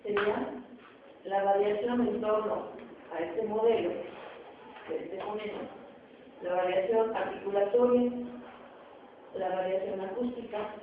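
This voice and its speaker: A woman with a Mexican Spanish accent giving a university phonetics lecture, explaining slowly and asking rhetorical questions. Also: mid-range voice, steady tone. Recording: echoey classroom from far off, phone-like sound, noise.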